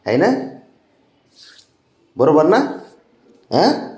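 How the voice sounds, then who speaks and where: Man, mid pitch, sweet-talking a pet in a slow unhurried way, roomy echo at home. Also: sing-song, darkish tone. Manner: coaxing, teasing baby talk to a pet. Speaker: pet owner vlogger. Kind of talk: casual talk to a pet cat.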